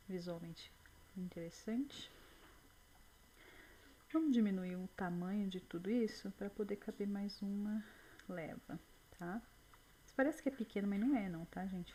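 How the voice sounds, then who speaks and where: A woman walks viewers through a screen-recorded tutorial, chatty and reassuring, checking in with them often. Her voice sits a bit low and has a gravelly, creaky edge. A faint hiss stays under her voice throughout. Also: a little mellow, poor audio. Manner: chatty, uses lots of diminutives and check-ins. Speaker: teacher.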